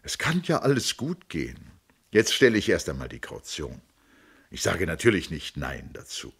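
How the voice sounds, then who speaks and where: A man reading a novel aloud, voicing a middle-aged senator who gently reassures his sister. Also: deep voice, huge pitch swings, normal speed, husky, exaggerated voice. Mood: consoling. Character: calm, consoling middle-aged male senator.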